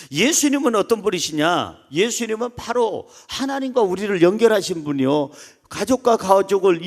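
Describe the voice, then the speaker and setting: A male pastor preaching with a high, lively voice. He jokes with the congregation and leads them in reading aloud. His delivery swings between loud calls and soft asides. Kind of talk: sermon.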